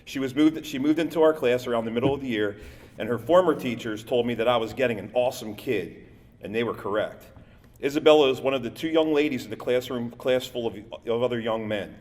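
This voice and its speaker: A man's voice: medium pitch, brisk, darkish tone, in a large hall. A man in his fifties, a teacher giving a loosely read award speech with jokes and stumbles. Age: 50s. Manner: jokey, loose, stumbles over words. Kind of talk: prepared award speech with asides.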